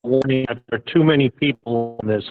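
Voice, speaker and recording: A man calling in remotely to a live chat, halting and trailing off, his voice garbled and underwater-sounding as the connection breaks up. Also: medium pitch, music in the background. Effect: garbled underwater-sounding bad connection, breaking up. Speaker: remote contributor on a call. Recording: tinny phone-like call line from far off.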